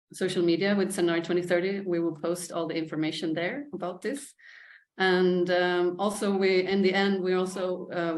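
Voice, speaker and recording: A woman with a fairly low voice hosts an online gathering. She introduces things informally and without a script, haltingly, pausing to find the next word. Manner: halting, searching for words. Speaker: event host introducing the speaker. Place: online video call.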